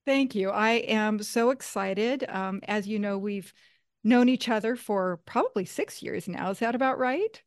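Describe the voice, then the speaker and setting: A woman's voice: mid-range voice, measured pace, no echo. A woman hosts an interview show and talks in a chatty, lightly joking way. Her voice is recorded dry and close, with no room sound around it. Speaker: host. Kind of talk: interview host.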